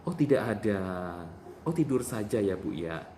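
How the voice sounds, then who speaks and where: Patient male nurse, lively voice. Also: fairly low pitch, normal speed. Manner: patient, repeats the patient's answers back. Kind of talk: nursing role-play demonstration. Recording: echoey room with faint noise.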